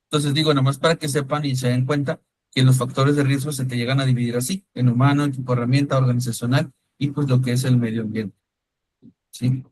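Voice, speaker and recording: A man's voice: mid-range voice, level tone, a little fast, a little mellow, dry recording, low-quality recording. A man teaching a class, talking conversationally, calling on students by name and checking whether they follow. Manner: conversational, calls on students by name, frequent "¿sí me explico?". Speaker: instructor. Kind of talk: online-style class lecture with questions to students.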